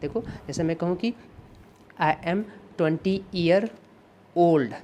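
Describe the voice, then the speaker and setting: A man teaching an exam-prep English grammar lesson, explaining patiently, repeating points and often checking in with his students. He reads the English example sentences slowly and deliberately. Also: fairly high pitch, darkish tone, slight background noise. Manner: patient, repetitive, checks in with "ठीक है" and "है ना".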